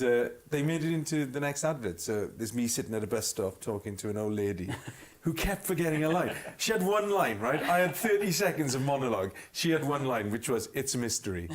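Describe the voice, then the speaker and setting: A man with a Welsh accent, a singer guesting on a chat show, telling stories with lots of laughter. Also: medium pitch. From Wales. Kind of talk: anecdotal chat show storytelling.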